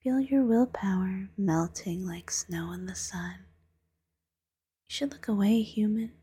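A woman's voice: mid-range voice, unhurried. A woman playing Lilith, a whispery teasing demon. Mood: hypnotic. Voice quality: whispery, breathy. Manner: teasing, soft-spoken, coaxing. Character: playful teasing female demon hypnotist. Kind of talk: ASMR hypnosis roleplay.

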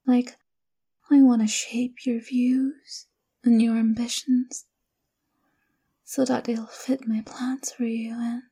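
Woman, young adult, ASMR whisper, husky, higher-pitched, flat, intimate and coaxing. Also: takes it slowly, long pauses. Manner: soft close whispering; intimate, coaxing girlfriend address. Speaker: ASMR roleplay performer.

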